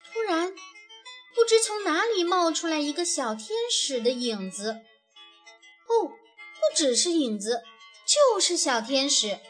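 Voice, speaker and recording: A woman narrating a children's storybook in a gentle, expressive way. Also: high voice, measured pace. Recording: faint background music.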